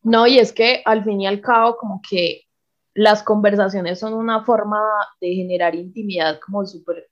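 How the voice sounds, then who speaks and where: A woman's voice: mid-range voice, steady tone, moderate pace, lo-fi sound, soft background music. A Colombian woman co-hosting a podcast in casual, slangy Spanish sprinkled with English words. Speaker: podcast co-host. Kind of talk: casual, chatty podcast talk.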